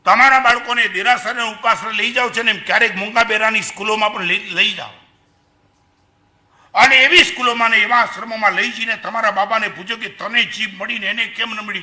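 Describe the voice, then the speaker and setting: An older man with a Gujarati accent giving a lively Jain sermon, dropping to soft asides and rising to loud emphasis, asking the audience questions. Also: sits high, fairly quick. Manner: animated preaching, swings between soft asides and loud emphasis. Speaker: Jain monk lecturer. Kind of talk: sermon to an assembly.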